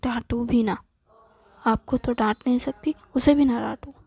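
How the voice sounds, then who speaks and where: A woman's voice: a little high, steady tone, moderate pace, creaky, warm tone, slightly rough, no echo. A woman voicing a doting, scolding middle-aged mother in a whispered role-play, in a reproachful manner. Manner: nagging, reproachful.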